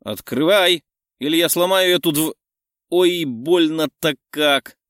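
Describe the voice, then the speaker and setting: A man voicing an excitable, hot-tempered young woman who shouts and squeals. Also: slow pace, no room sound, studio quality. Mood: furious. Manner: shrill, loud, squealing.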